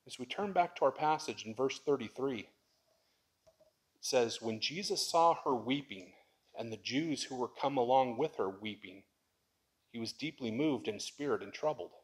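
A male pastor preaches conversationally, rising to loud, impassioned lines as he reads scripture and pleads. His mid-range voice moves at a normal speed and is slightly rough.

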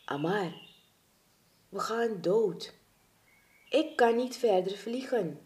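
A bossy, wounded male stork from a children's storybook, voiced by a woman reader. He barks orders and urges the listener on. His pitch swoops widely and his words come slowly and deliberately. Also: animated, darkish tone. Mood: pained. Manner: commanding, urgent calls.

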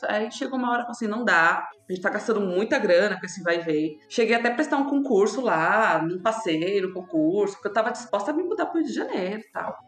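A young woman from São Paulo with a São Paulo accent tells a personal story in an animated, emotional way, trailing off with fillers. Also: medium pitch. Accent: São Paulo Portuguese. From São Paulo, Brazil. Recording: roomy echo, faint background music.

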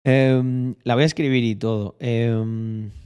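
A man's voice: mid-range voice, steady tone, slow, darkish tone, clear, resonant tone. A young man with a Spain Spanish accent chatting casually on a live stream, joking and laughing at himself. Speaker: streamer and podcast host.

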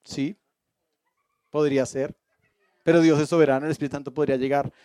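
High-voiced man teaching the Bible. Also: level tone, a little fast, darkish tone, dry recording, clean studio sound. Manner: asks the audience frequent questions; reads a passage aloud and stops to explain.

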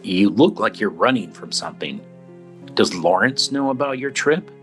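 A man's voice: lowish voice, lively intonation, moderate pace, a bit bright, soft background music. An actor playing a suspicious, insistent man in an audio drama, probing for answers.

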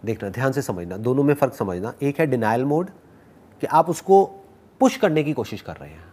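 A man with a medium-pitched, breathy voice talks fairly quickly during a motivational talk. He answers audience questions in an animated, playfully teasing way, mixing English phrases into Hindi.

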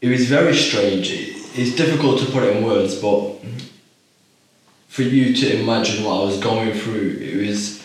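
A man in his twenties, from Iraq, answering interview questions in a measured, reflective way with frequent pauses. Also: lowish voice, a little hiss or hum. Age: 20s. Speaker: podcast guest. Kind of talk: casual interview. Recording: echoey room, far from the mic.

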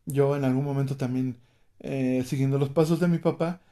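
A man's voice: mid-range voice, fairly even intonation, normal speed, mellow. A man with a Mexican accent hosting a casual chat, prompting with questions and dropping joking quips. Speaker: host.

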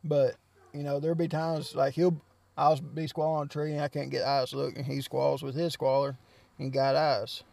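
A man's voice: a little high, level tone, moderate pace, vocal fry, darkish tone. A man chatting easily on a hunting podcast. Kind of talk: casual chat.

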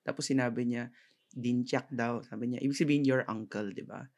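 A man's voice: medium pitch, fairly even intonation, fast talker. A man co-hosting a casual podcast chat with a Filipino accent, explaining in an easygoing, rambling way. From Philippines. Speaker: podcast co-host.

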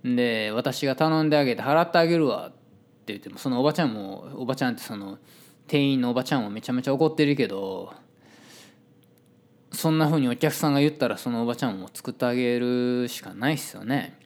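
A man's voice: medium pitch, fast talker, a little mellow. A man with a Kansai Japanese accent telling a story in a casual, chatty monologue and acting out the voices of people he quotes.

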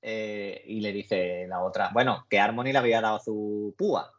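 A man's voice: lowish voice, steady tone, moderate pace. A man with a Spain Spanish accent chatting casually as a podcast co-host, rambling through scenes in colloquial slang. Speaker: podcast co-host discussing a series. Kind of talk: casual chat. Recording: muffled lo-fi recording.

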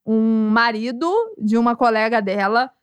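Lively Brazilian woman podcast co-host. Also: on the high side, a little slow, clean tone, no echo, muffled recording. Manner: lively, swearing, laughs often. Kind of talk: casual chat.

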